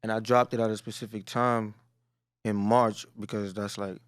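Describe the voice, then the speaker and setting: A man, a rapper talking casually and quietly in an interview, often trailing off. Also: little pitch movement, normal speed, clean tone, dry recording, studio quality. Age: 20s. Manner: laid-back, low-key, trails off with "that's really it". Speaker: rapper guest.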